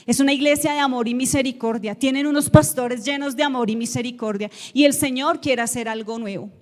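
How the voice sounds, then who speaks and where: Woman, sermon, emphatic, high-pitched, long church reverb. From Colombia. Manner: emphatic, rhetorical questions to the congregation. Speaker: guest preacher. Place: church sanctuary.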